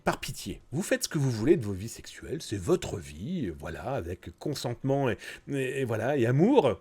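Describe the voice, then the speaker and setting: A man's voice: mid-range voice, sing-song, normal speed, a little mellow, husky. A man with a blocked, nasal nose, hosting a live news stream in a casual, chatty way, speaking straight to his viewers. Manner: chatty, informal, directly addressing viewers.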